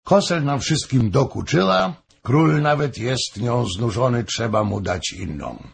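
A man's voice: medium pitch, animated, unhurried, gravelly, slight background noise. A man reading aloud, voicing an ambitious general who presses his case. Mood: insistent. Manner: insistent. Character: ambitious male general, pushing and urgent.

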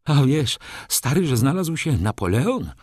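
A man voicing a blunt, gruff old soldier who mutters and teases, in an audiobook reading. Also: lowish voice, sing-song, takes it slowly, a bit bright, no room sound, clean studio sound, heavily acted. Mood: excited.

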